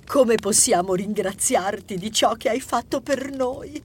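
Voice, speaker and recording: An actress playing a gentle, wise woman at Santa's side who gives calm advice. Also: fairly high pitch, unhurried, a little hiss or hum, close to an everyday voice. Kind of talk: audiobook character voice.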